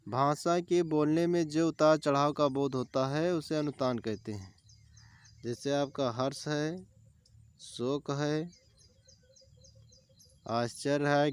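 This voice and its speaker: Male tutor, exam-prep grammar class, clear smooth voice, repeats terms and lists examples. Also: mid-range voice, dry recording. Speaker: teacher.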